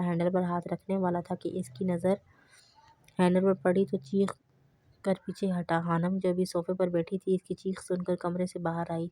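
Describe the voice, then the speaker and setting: Woman reading a romance novel out loud, super flat and steady, mellow low voice. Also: no room sound. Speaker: novel reader. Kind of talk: audiobook novel narration.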